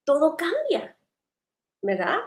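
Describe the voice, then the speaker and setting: A woman's voice: high voice, huge pitch swings, takes it slowly. A woman hosting a church panel discussion, earnest and conversational, asking pointed questions. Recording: roomy echo.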